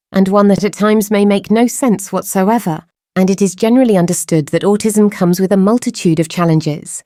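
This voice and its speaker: A woman hosting a true crime channel, speaking through a voice changer in measured, earnest scripted commentary. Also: mid-range voice, dark tone, dry recording, clean studio sound.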